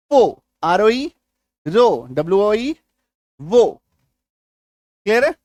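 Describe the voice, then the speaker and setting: A man's voice: sits high, darkish tone, no echo, clean studio sound. A man with an Indian accent teaching English spelling rules in a lesson. He drills words, repeats himself and keeps checking whether learners understood. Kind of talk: spoken lesson.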